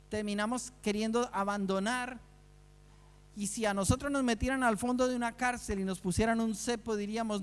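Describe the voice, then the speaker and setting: A man's voice: sits high, big-room sound. A man preaching a sermon as pastor, emphatic, repeating key phrases and putting rhetorical questions to the congregation. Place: church sanctuary.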